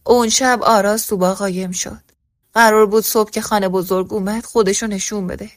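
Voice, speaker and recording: A woman's voice: mid-range voice, no echo. Woman narrating a story in a dry booth. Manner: voices every character in the same even narrating voice. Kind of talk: scripted first-person story narration.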